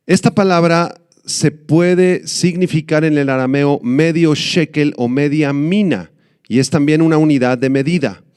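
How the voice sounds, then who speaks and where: Clear-voiced man preaching a sermon. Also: on the high side, a little mellow, dry recording, clean studio sound. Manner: explains slowly, repeats words for emphasis. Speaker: pastor. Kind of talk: sermon teaching.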